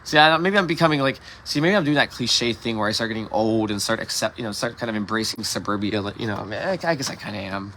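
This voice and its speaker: Casual stream host, man, bright voice, candid and profane, phone mic outdoors with faint ambient noise. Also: fairly low pitch, fast talker, hardly any pauses. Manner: candid, profane, meandering with many restarts. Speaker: livestream host. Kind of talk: casual rambling monologue. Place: outdoors in a suburban yard before dawn.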